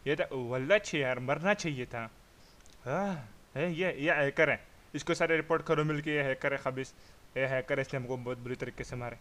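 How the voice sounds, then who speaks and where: A man with a Pakistani Urdu accent giving comic, excitable commentary over his own sniper match, mock-insulting his opponents. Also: mid-range voice, moderate pace. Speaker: gamer giving funny commentary. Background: background music.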